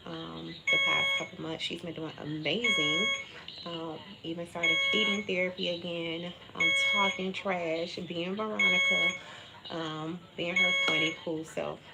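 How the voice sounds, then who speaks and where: A woman chatting casually and candidly on a livestream from a hospital room, with everyday slang. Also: low-pitched. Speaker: livestream host. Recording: clear beeping alarm noise, hospital room. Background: beeping medical pump alarm.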